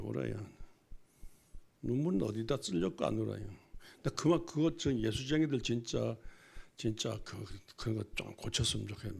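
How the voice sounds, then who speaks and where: A middle-aged pastor preaches a sermon in a church, folksy and emphatic, now and then imitating loud wailing cries. His voice is gravelly and rough with a husky, breathy edge. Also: mid-range voice. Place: church sanctuary.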